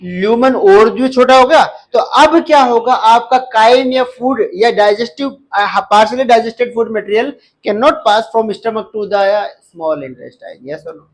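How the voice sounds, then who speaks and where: High-voiced man lecturing a class. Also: slow, hardly any pauses, rough recording. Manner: asks the class questions and repeats key terms. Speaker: nursing exam teacher.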